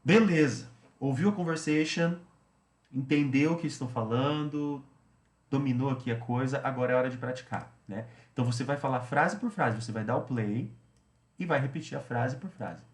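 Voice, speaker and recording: A man's voice: mid-range voice, moderate pace. Chatty male teacher in a roomy space. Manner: chatty, repeats himself, tags phrases with "né". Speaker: English teacher. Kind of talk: explaining a study routine.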